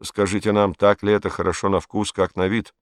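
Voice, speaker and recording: A man's voice: on the low side, level tone, brisk, smooth, no echo, clean studio sound, long reverb tail, natural voice. A man voicing a nervous male chauffeur who speaks with stiff, anxious eagerness.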